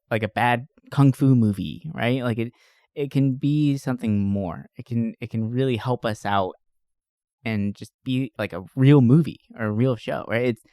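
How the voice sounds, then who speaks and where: In clean studio sound with no echo, a podcast host chats casually about movies and games, his phrasing loose and slangy, full of "like" and "you know," with the occasional swear. His voice is medium-pitched, dark, and clean in tone.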